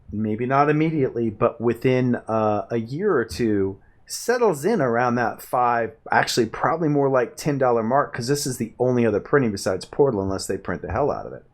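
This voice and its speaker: Man, mid-pitched, explains in detail, hedges, casual co-host. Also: animated, normal speed. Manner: explanatory, hedging, detail-focused. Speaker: podcast co-host. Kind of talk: casual chat.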